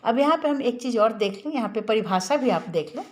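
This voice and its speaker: A woman's voice: fairly high pitch, animated, fairly quick. A woman teaching a grammar lesson, patiently stretching out vowel sounds to show how long each one takes. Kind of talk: classroom lesson explaining grammar.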